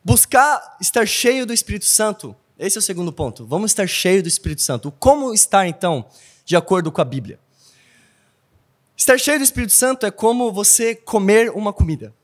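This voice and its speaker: In a church hall, a young Brazilian preacher with a brisk, high-pitched voice and a Brazilian Portuguese accent gives a sermon. His storytelling is animated, and he often pauses to ask "não?"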